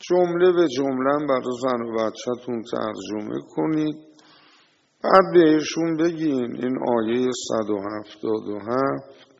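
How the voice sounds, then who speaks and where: A male preacher delivers a sermon with a gravelly, creaky voice, stretching his phrases and leaning hard on key words as he recites verses and poetry. The recording is dull and muffled, with a long reverb from a large hall. A faint hiss sits underneath. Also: mid-range voice.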